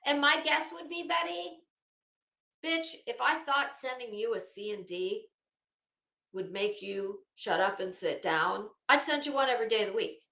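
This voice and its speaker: With a highish voice, lively intonation, vocal fry and a sharp edge, a commentary show host reads a document at moderate pace. She mocks it incredulously and swears bluntly, in an echoing, roomy recording.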